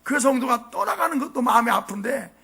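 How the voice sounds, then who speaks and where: A man preaching a sermon as pastor, animated and often asking the congregation questions. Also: extremely high pitch, fairly quick, gravelly, breathy edge. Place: church sanctuary.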